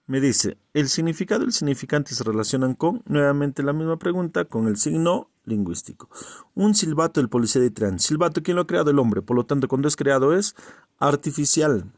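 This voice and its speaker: A man's voice: a little high, lively intonation, fairly quick, dry recording. Male teacher for exam prep, asks questions then answers them himself, very dry close sound. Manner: checks in with the listener, repeats key terms. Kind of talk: recorded exam-prep language lesson.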